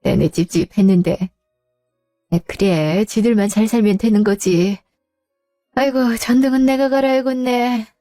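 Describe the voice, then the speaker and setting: A proud, wounded mother in her sixties, played by a woman in a radio drama, sighing and grumbling under her breath. Her voice is dark and mellow and fairly high. It sounds dry, with faint music underneath. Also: measured pace, no room sound, natural voice. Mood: fretful. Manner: sighing, muttering complaints to herself. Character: retired older mother, hurt and proud.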